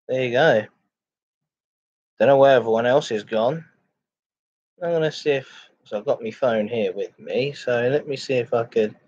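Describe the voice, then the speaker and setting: Male livestream host, unhurried and halting delivery, informal chat with viewers, muffled low-fidelity mic. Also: darkish tone. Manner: halting, repeats phrases. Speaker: live streamer, host of a chat and ASMR stream. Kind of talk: casual livestream chat, greeting viewers and reading comments. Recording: dull lo-fi microphone sound.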